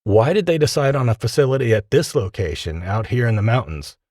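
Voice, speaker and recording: Eager, slightly unsure young male physicist, as a narrator puts him on, animated, dry close sound. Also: medium pitch, a little fast, dry recording. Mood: earnest.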